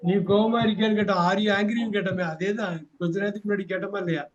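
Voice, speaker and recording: A man runs an English class, repeating each prompt and gently fixing mistakes. His voice sits notably high for a man. The recording is dull and lo-fi. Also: steady tone, fast, crowd noise. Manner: gives prompts again and again, corrects answers patiently. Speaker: English teacher. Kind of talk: bilingual class drilling.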